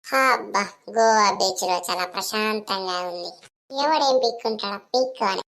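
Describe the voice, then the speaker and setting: A woman acting in a comedy sketch, trading quick, lively lines. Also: mid-range voice, gravelly.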